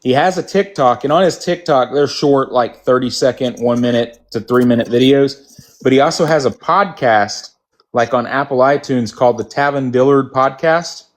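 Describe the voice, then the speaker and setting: A man's voice: mid-range voice, normal speed. A man from Texas with a mild Texan accent, hosting a casual group chat and telling rambling stories. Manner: rambling, storytelling with restarts.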